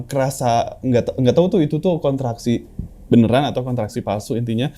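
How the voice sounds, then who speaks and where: A man's voice: mid-range voice, dark tone. A young man in casual, heartfelt chat, telling a personal story with many restarts and quoted lines. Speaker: guest sharing a personal story.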